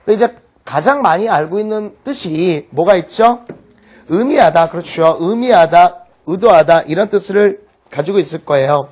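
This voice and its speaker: Korean-accented male English lecturer, joking and lively, talking straight to a class. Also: high-pitched, normal speed. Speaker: English teacher. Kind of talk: lecture to students.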